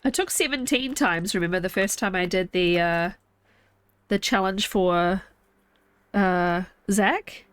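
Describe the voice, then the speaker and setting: Her voice is medium pitched, slow and smooth, with no echo. A young woman streaming from home with a stuffed-up, congested nose, she casually chats and muses aloud as she plays in this live gameplay chat.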